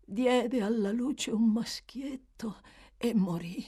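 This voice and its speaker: A woman voicing a feverish, guilt-ridden dying old pauper woman who gasps and breaks into whispers and high cries. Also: slow, mellow, slightly rough. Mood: feverish confession.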